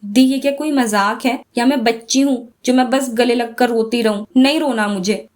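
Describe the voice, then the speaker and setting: A woman's voice: a little high, normal speed, pitched above the performer's own voice, close to an everyday voice. A woman voicing a touchy teenage girl who is crying and answers in a sulky, whiny way. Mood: tearful.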